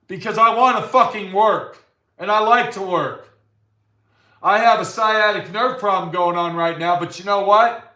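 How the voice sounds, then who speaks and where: A man's voice: high voice, pushed and bright, reverberant. Blunt, profane man in his sixties. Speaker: YouTube channel host. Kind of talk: blunt monologue to camera.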